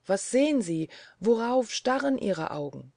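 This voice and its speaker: A woman's voice: a little high, very animated, a little slow, gravelly, a little mellow, dry recording, clean studio sound, pitched above the performer's own voice, full character voice. Woman voicing an anxious, devoted princess. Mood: pleading.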